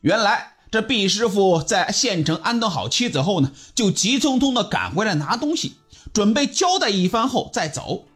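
A man telling a story in an animated, dramatic way and voicing all of its characters. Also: sits high, normal speed, breathy edge, faint music behind. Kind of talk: storytelling narration.

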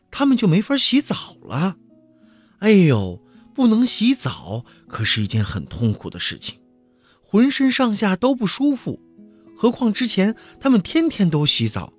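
A man reading a children's picture book aloud, expressive and full of exclamations. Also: mid-range voice. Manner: animated, expressive storytelling with exclamations. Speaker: children's storyteller.

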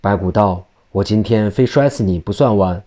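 A mischievous mad old monk jeers and calls out his enemy in a low, dark, rowdy voice, as a male storyteller plays him. He sounds cocky and playful. It is a folk-tale hero from a traditional story. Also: normal speed, close to an everyday voice. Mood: taunting. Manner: taunting, rowdy shouts.

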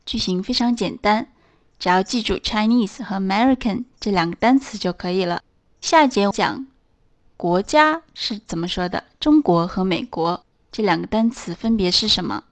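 Woman, mid pitch, patient beginner-lesson teacher; slows down for model phrases and spelled-out words; close, dry recording. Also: no room sound. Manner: slow, careful model sentences. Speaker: English teacher.

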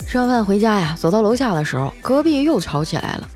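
A young woman tells comic anecdotes in a chatty, casual way, dotted with filler particles. Her pitch sits mid-range. Faint music plays underneath. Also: big pitch swings, fast, a little mellow. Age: young adult. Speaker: comedy storyteller. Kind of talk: comic story narration.

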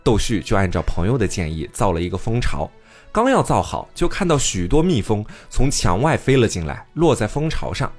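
Man, casual storyteller, very animated pitch, faint music behind. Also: normal speed. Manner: lively, chatty, comments with laughter. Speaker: storyteller host.

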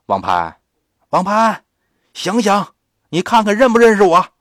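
A man's voice: mid-range voice, expressive, unhurried, a bit bright, dry recording, clean studio sound. A man doing a sly fake Taoist priest. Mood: insistent shouting.

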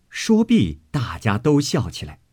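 A man narrating a classic novel as an audiobook, in a measured, expressive storytelling manner. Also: medium pitch, husky, dry recording, studio quality.

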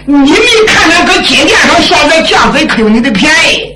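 A man voicing a shrewd, jovial old duke who scolds a prince in a drum-ballad story, teasing him with laughs and shouts. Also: extremely high pitch, very animated, brisk, background noise, voice pushed up. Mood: scolding. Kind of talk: drum-ballad storytelling with spoken role-play. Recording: roomy, loud instrumental accompaniment.

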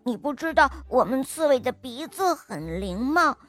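A woman's voice: high voice, slow, a bit bright. A woman voicing a small, stubborn boy hedgehog who answers back in a huffy, indignant way.

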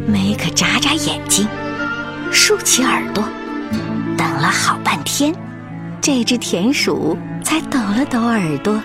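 A woman narrates a children's fairy tale with expressive, scripted delivery. Her mid-pitched voice moves in a lively way over a clear music bed. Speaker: narrator and presenter.

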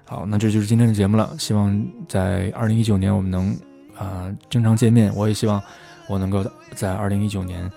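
Male podcast teacher, casual rambling explanations, low gravelly voice, faint music behind. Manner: relaxed, chatty, rambling. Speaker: English teacher, podcast host. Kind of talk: casual lesson explaining English pronunciation.

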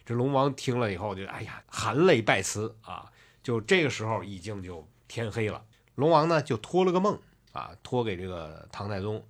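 A man's voice: fairly low pitch, very animated, normal speed. A man telling a classic tale in a chatty way, with many fillers and asides. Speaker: storyteller. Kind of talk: casual storytelling narration.

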